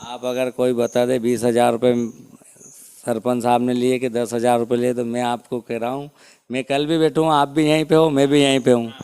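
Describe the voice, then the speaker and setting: Village head guy, keeps pushing his point with questions, smooth clear voice. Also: mid-range voice, level tone, normal speed, darkish tone. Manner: insistent, repeats his point with rhetorical questions. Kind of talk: defending himself in a local interview.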